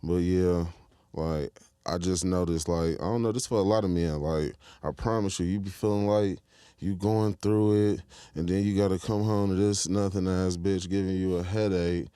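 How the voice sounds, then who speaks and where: A young man from Michigan with a very deep, mellow voice talks easily as a podcast guest, his tone smooth and rounded. He speaks in loose street slang, often checking if you follow him. The studio sound is dry and close. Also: fairly even intonation, normal speed, dry recording. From Detroit, Michigan, US. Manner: laid-back, slangy, keeps asking "you feel me". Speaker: guest rapper. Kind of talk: casual interview chat.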